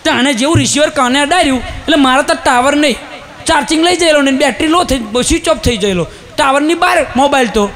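A Gujarati-accented man tells a comic story to a live crowd, with a very high voice that he pushes into shouts on the punchlines. He jumps between characters and keeps the energy up, and a faint murmur of the audience sits behind him. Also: fast. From Gujarat, India. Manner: animated, shouts punchlines and acts out quoted voices. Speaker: stand-up comedian.

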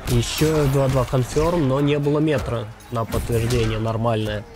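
Male fighting game announcer, mid-pitched, live clipped play-by-play with jargon, music underneath. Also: level tone, normal speed. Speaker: esports tournament commentator.

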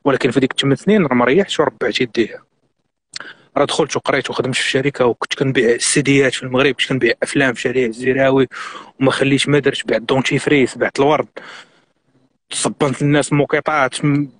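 A middle-aged Moroccan man talks at a breakneck pace on a live stream. His voice sits at an ordinary middle pitch. He gives earnest, insistent advice and slips French and English words into his speech. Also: steady tone, rapid-fire, fairly bright tone. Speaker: guest.

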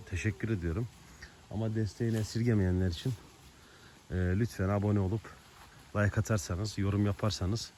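A man's voice: on the low side, warm tone. Guy on his farm talking sweet to his animals, bit of outdoor noise behind. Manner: coaxing and affectionate with animals, firm commands. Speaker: farm vlogger with horses and dogs. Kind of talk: casual talk to animals and viewers.

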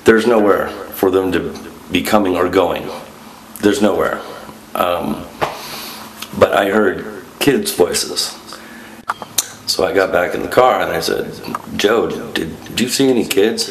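A middle-aged man with a very low voice tells a ghost story straight into the camera, pausing and circling back with fillers as he goes. A crowd murmurs clearly behind him. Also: rough recording. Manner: hesitant, rambling with fillers. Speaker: urban explorer host.

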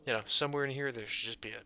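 A man hosting a gaming video muses aloud in casual, dry, offhand commentary. His voice is mid-range, sharp, and slightly scratchy, and there is music under it.

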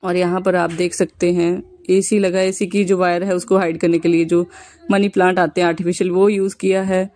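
Speaking a little fast, this thirty-something female vlogger gives a relaxed tour of her rented apartment, showing off each room as she goes. Her tone is darkish and lowish, and her pitch barely moves.

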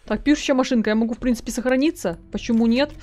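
A woman's voice: on the high side, rapid-fire, a little mellow, soft background music. A woman giving casual gameplay commentary as a let's play gamer, chatting to her viewers and reading in-game notes aloud.

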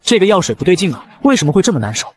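A man's voice: high voice, very animated, rapid-fire. A man narrating a comic story recap in first person, exaggerated and exclamatory. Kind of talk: fast manga recap narration.

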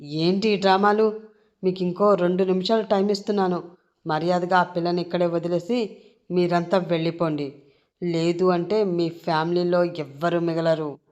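Arrogant male villain boss, loud and threatening, sneering, voiced by a female narrator in an audio drama. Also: lowish voice, normal speed, muffled recording, lightly acted. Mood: angry.

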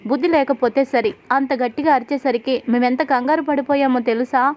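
A woman's voice: high voice, fairly even intonation, brisk, darkish tone, close to an everyday voice. A woman voicing a rude, impatient young daughter-in-law who speaks sarcastically. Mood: scornful. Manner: sarcastic, scolding.

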